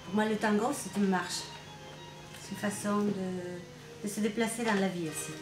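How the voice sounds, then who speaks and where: In a spacious gallery, an Argentine-born woman painter gives an interview, her mid-range voice steady and her pace normal. She sounds thoughtful and sometimes searches for words. A camcorder mic at medium framing records her indoors, with music playing behind her.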